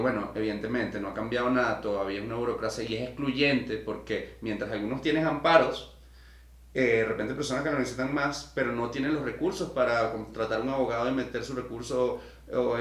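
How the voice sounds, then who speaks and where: Venezuelan man hosting, in an echoey room. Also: mid-range voice. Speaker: podcast host. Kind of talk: casual interview conversation.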